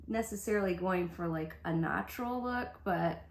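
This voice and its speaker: Here the beauty vlogger, a middle-aged woman with a stuffy-sounding voice, speaks at a normal speed with a fairly low pitch and some vocal fry. She keeps up a casual, upbeat patter as she works through a makeup tutorial, thinking aloud along the way. Echo from the room is audible.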